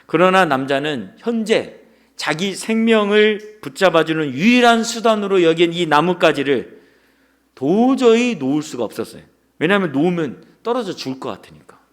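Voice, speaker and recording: A male pastor preaching a sermon, telling a story in an animated way and chuckling along. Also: high voice, moderate pace.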